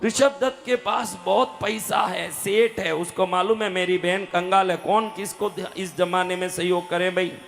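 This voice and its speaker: A man's voice: high voice, steady tone, a little slow, creaky, hardly any pauses, a bit bright, faint music behind. A man telling a devotional story as a sermon, dramatic and calling out questions to the women listening. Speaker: katha storyteller. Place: live religious gathering.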